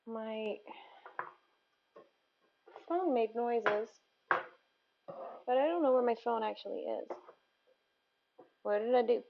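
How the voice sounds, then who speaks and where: A woman's voice: fairly high pitch, slow pace, creaky, long pauses, highs cut off, background noise. A woman hosting a cooking livestream, chatting casually with viewers and answering their messages with giggles.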